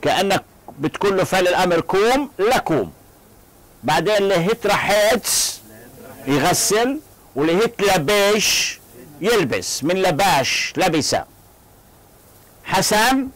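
A man with a fairly high voice leads a classroom language lesson. He drills short phrases slowly and has his students repeat them. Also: expressive, fairly bright tone, dry recording, low-quality recording. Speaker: language teacher. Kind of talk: classroom lecture.

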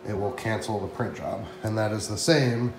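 Touring his print shop for a casual vlog, an excited man talks at a moderate pace in a lowish voice, chatty and explanatory, thinking aloud. The big room with its concrete floor is echoey, and background music runs over everything.

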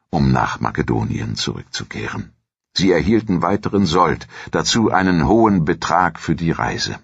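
A man with an extremely low, husky voice narrates history in a measured, formal style, delivering a scripted audio documentary. The sound is dry, slightly dull and has no room sound.

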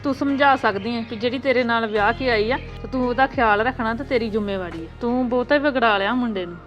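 Outspoken aunt, played by a woman, firm and lecturing, rapid delivery. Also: on the high side, dull audio, soft background music, close to an everyday voice. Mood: stern. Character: wise outspoken aunt who lectures the family. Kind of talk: amateur family drama.

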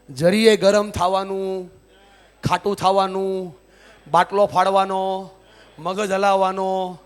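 A man giving a live motivational talk, leading the audience in call-and-response and pressing them to answer yes or no. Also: on the high side. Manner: call-and-response, repeatedly asks the crowd yes or no; commanding, has the audience repeat lines aloud. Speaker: motivational speaker. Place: large hall with a live audience. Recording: long hall reverb.

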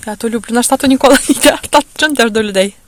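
A woman's voice: fairly high pitch, very fast, dry recording. Chatty woman vlogger. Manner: chatty, often addresses viewers as friends. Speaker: village vlogger. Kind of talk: casual travel vlog. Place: in a car and outdoors in a village.

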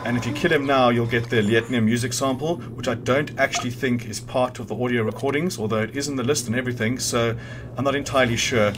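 Against background noise and game music and sounds, a gamer quickly narrates a video game walkthrough in a casual way, reasoning aloud and catching his own errors. His mid-range voice keeps fairly even intonation.

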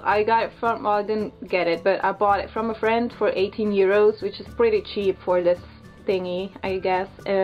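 A woman with a Dutch accent chatting casually and informally as a vlogger, in a rambling, giggly way, filming indoors on a handheld camera. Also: mid-range voice. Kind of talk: casual chat, showing a haul. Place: small bedroom, indoors. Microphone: handheld camera's built-in mic. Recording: muffled lo-fi handheld camera sound.

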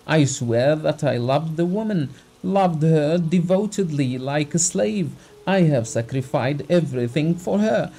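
A man's voice: fairly high pitch, mellow, breathy edge, voice pushed up, heavily acted. A man voicing a distraught, tearful nobleman pouring out his heartbreak in an audiobook reading. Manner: raised, pleading, emotional.

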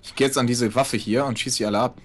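A man's voice: medium pitch, steady tone, fast. A man teasing and joking in a casual gaming session while his overdriven microphone adds a clipping fuzz distortion. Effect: overdriven mic with clipping fuzz distortion. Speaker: co-op gaming partner. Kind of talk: casual let's play banter.

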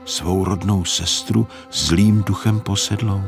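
A man's voice: sits low, fairly even intonation, over music. A man voicing a meek, devout peasant who speaks humbly and with resignation, in a storybook reading. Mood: humble.

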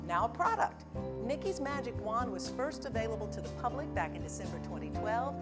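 An emphatic woman presenter introduces her show and talks with her guest in a lively, up-and-down voice. Loud music plays under her words. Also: a little high. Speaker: host. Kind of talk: show host intro and interview.

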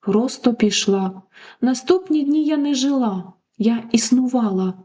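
A woman tells a first-person life story in a slow, intimate, sorrowful voice. Her tone is mellow and soft, pitched somewhat high. The delivery is scripted and even. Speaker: narrator.

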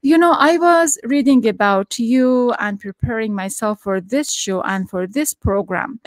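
A woman's voice: a little high, a little slow, no echo. A middle-aged woman from Iran hosting an interview over a video call from her home study, speaking earnestly with frequent restarts. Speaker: podcast host. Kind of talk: interview introduction and questions. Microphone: studio microphone with headphones on video call.

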